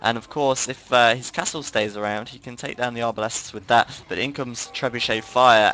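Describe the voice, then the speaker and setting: A man's voice: mid-range voice, sharp tone, poor audio. A tired man giving live play-by-play commentary on a strategy game, with frequent fillers. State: tired, yawning.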